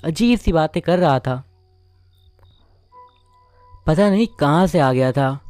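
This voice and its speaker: A man's voice: a little high, lively intonation, slow, darkish tone, no echo, faint music behind. A man voicing a young woman newly returned home from years abroad, affectionate, chatty and easily puzzled.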